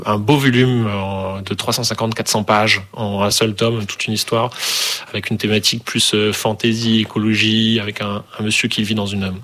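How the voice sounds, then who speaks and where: A man who runs a publishing house answers interview questions in a bright, lowish voice. He speaks haltingly, with frequent fillers and restarts. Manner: hesitant, many fillers and restarts. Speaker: publisher and bookseller.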